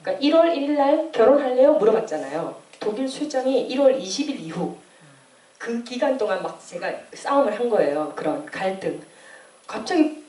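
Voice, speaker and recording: Woman, late 20s, church testimony. Animated storyteller with a mellow tone. Roomy, distant mic. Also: mid-range voice. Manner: animated storytelling, acting out quoted voices. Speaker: church member giving testimony. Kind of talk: personal testimony. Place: church hall. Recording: echoey room, distant mic.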